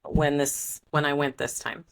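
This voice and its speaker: A woman's voice: sits low, level tone, measured pace, gravelly. A woman guest on a podcast, an author, chatting casually with frequent laughs and fillers.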